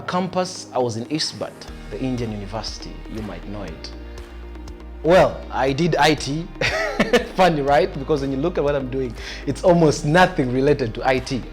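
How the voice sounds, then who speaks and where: A young man from Tanzania, raised in Uganda, talking about himself in an easygoing, rambling way. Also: mid-range voice. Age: young adult. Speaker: guest, actor. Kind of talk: relaxed self-introduction and interview.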